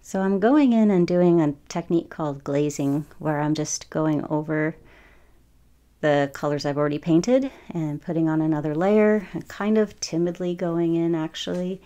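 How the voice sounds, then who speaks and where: A woman's voice: sits low, moderate pace, mellow. A woman in her forties chatting casually over her painting process, rambling with frequent ums. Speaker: watercolor artist.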